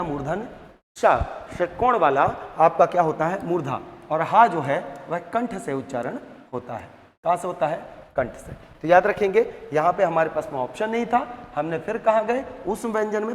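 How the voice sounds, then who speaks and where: A high-voiced male teacher running an exam-prep grammar lesson, posing questions and answering them himself. He sounds out the letters one by one, and his voice trails off into a long echo.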